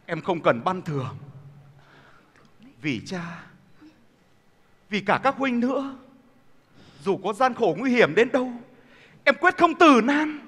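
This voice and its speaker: Lang Liêu, a gentle young prince. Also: male voice, extremely high pitch, sing-song, breathy edge, full character voice. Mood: earnest. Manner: earnest, measured stage speech. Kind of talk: traditional Vietnamese chèo stage acting. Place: theatre stage. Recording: reverberant theatre hall.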